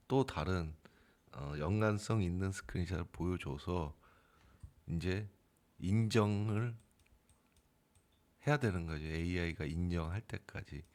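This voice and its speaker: A man's voice: low-pitched, darkish tone. A man hosting his own channel, explaining to viewers in a casual, hesitant way with many fillers. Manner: informal, hesitant with fillers, acts out arguing with the AI. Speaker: crypto trading bot channel host.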